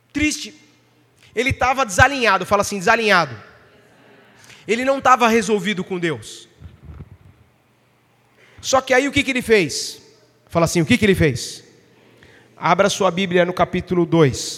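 A man preaches with a high, ringing voice, pressing his points and throwing questions out to the congregation. His words carry a long reverb, as if spoken in a large hall. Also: fairly bright tone. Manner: emphatic, asks the congregation questions. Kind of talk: sermon.

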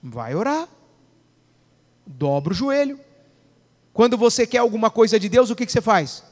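A man preaches in a strikingly high voice, throwing questions at his congregation and waiting for answers. His voice rings with long reverb through a church hall. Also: lively intonation, moderate pace. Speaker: pastor. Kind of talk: sermon.

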